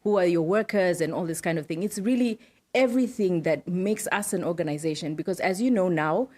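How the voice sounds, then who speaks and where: Lower-voiced woman guest explaining in lists. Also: a little fast, darkish tone. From Zimbabwe. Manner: explains in lists, frequent affirming "right, yes". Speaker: podcast guest, data protection officer. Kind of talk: casual interview talk.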